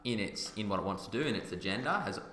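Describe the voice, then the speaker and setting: A man's voice: on the low side, expressive, fast talker, sharp tone, a little hiss or hum. A man hosting a podcast, talking in an emphatic, argumentative way. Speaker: podcast host. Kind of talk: casual opinion chat. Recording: roomy echoey room.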